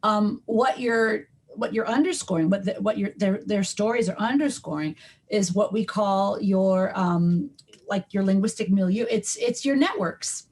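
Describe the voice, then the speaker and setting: Husky-voiced middle-aged woman explaining. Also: medium pitch, a little slow, darkish tone. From New York. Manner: explanatory, lecturing with frequent um and restarts. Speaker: guest linguistics professor. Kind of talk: conversational podcast interview.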